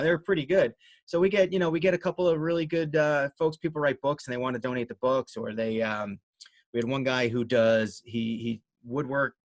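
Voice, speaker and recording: A man's voice: mid-range voice, no echo. A man answering interview questions casually as a guest, in a rambling, self-deprecating way. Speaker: interview guest, amateur runner and race organizer.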